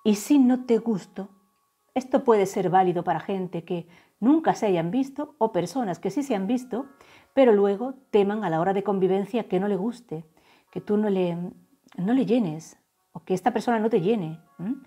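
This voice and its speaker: A woman from giving a tarot reading to her viewers, saying the messages she channels slowly and softly. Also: mid-range voice, slightly rough. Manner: slow, soft, drawn-out channeled phrases. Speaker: tarot reader. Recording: faint background music.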